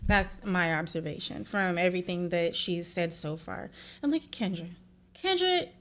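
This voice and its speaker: A woman's voice: on the low side, steady tone, normal speed, a bit bright. A woman hosting a reaction video, giving blunt, opinionated commentary that often turns into a lecture. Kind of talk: casual commentary.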